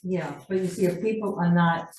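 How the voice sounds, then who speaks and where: A woman in a class speaks hesitantly, feeling her way through a point. Her voice is lowish and mellow, with heavy room echo and faint background noise. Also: steady tone, brisk. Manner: hesitant, searching for words. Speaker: class participant.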